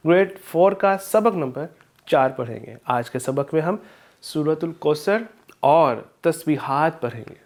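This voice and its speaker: A man teaching an Islamic studies lesson with a Pakistani Urdu accent, explaining rules slowly and chanting verses in drawn-out recitation. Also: a little high. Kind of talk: recorded video lesson with Quran recitation.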